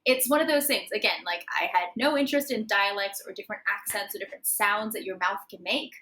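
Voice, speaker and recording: A woman co-hosting a podcast, chatting in an animated, giggly way and explaining things eagerly. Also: mid-range voice, fast talker, a little hiss or hum. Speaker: podcast co-host. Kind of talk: casual podcast chat.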